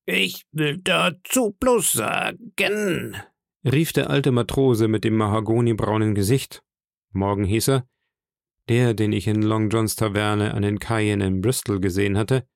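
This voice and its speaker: A man narrating an audiobook in a measured storytelling manner. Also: fairly low pitch, fairly even intonation, a little mellow, dry recording, studio quality.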